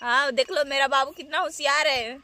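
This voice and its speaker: A woman's voice: high voice, steady tone, normal speed, bright, forceful tone, a little hiss or hum. A woman vlogging in a casual chat, cooing and babbling baby talk to a little one.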